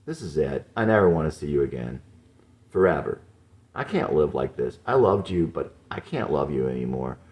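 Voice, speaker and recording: A man's voice: extremely low pitch, very animated, normal speed, a little mellow. A man voicing a lovesick young man who pleads with anxious, raised questions. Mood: bitter.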